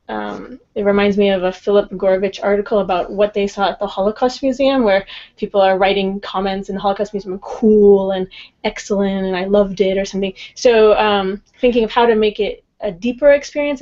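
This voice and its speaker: A woman who teaches about the Holocaust, speaking thoughtfully in a panel discussion, pausing often with ums. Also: mid-range voice, darkish tone, muffled recording.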